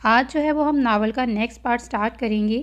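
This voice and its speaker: A woman hosting her channel and reading a romance novel aloud with expressive storytelling. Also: on the high side, fairly quick. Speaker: novel reader, channel host. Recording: dull lo-fi audio.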